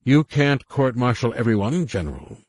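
A man's voice: mid-range voice, sing-song, moderate pace, a little mellow, breathy edge, dry recording, studio quality, pitched above the performer's own voice. A man doing a mocking, distorted comlink rebel. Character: sneering male rebel on a comlink.

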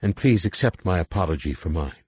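A man voicing an anxious mother caught between fear and composure, speaking in a measured, restrained way. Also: deep voice, animated, a little mellow, husky, dry recording, clean studio sound. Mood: torn. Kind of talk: audiobook character voice.

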